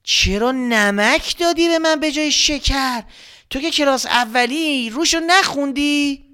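A man's voice: very high-pitched, sharp tone, pitched above the performer's own voice. A man voicing an anxious young girl who fears her cake mistake will be found out, in a children's story. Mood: alarmed. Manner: exclaiming, fretful.

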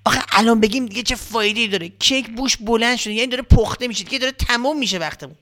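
A man's voice: extremely high pitch, sharp tone, voice pushed up. A man voicing an anxious young girl who fears her cake mistake will be found out, in a children's story. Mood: fretful. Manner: exclaiming, fretful.

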